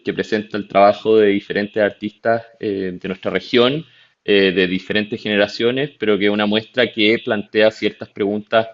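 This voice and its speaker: Low-voiced interviewer on dull audio. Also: male voice. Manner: courteous, long winding questions. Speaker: interviewer, gallery director. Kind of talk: formal interview questions.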